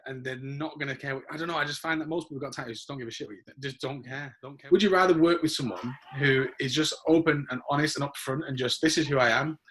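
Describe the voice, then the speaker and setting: Man, rapid talker, blunt, sweary, chatty host. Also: mid-range voice, fairly bright tone. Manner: blunt, swears freely, rambles into opinions. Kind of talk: casual conversational interview.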